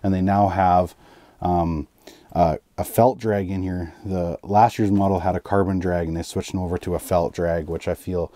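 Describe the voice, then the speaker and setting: A man in his thirties giving excited running commentary while ice fishing inside a small shelter. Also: low-pitched, moderate pace. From Canada. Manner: excited running play-by-play, chuckling. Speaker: fishing vlogger. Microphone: camera clipped to his cap and a fixed camera.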